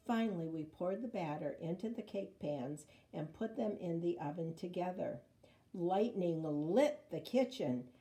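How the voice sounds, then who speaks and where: A woman reading a children's story aloud in an expressive, dramatic way, drawing out words. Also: lowish voice. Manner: dramatic, with drawn-out words and sound words. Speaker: storybook reader.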